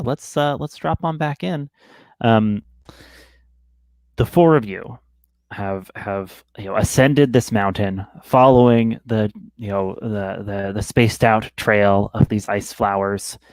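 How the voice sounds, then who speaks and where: A man narrating a tabletop role-playing game as game master, halting and often repeating words as he goes. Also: on the low side, a little mellow, no echo.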